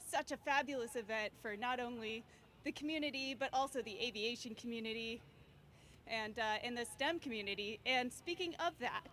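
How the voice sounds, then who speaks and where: A woman's voice: fairly high pitch, normal speed, fairly bright tone. A woman guest performer giving an upbeat, gracious live interview at an outdoor event. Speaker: wing walker, guest performer. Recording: clear background noise, outdoor air show.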